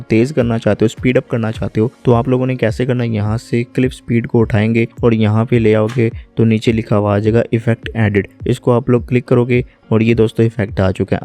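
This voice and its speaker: Calm man with a low, flat voice. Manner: calm, step-by-step, often says "friends". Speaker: software tutorial host. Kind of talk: screen-recorded software tutorial.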